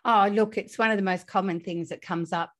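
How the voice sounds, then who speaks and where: A woman, a guest expert telling a lively classroom anecdote and acting out the children's lines. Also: mid-range voice, brisk. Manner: lively, acts out quoted voices. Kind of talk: casual anecdotal storytelling.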